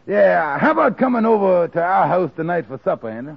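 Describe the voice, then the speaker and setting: High, very creaky Amos. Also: male voice, sing-song, fairly quick, heavily acted. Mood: friendly. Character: sensible, friendly married pal named Amos. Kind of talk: 1940s radio comedy acting. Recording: muffled old radio recording.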